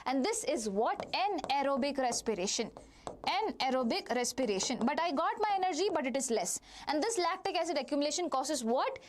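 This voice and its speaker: A woman's voice: high-pitched, animated, a little fast. A woman with an Indian accent teaching a live online lesson, repeating phrases, asking questions and answering them herself while addressing students directly. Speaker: biology teacher.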